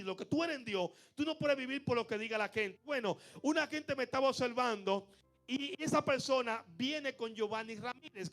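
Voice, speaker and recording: A male pastor preaching a sermon in a church, telling a story and building to loud, fervent passages. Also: very high voice.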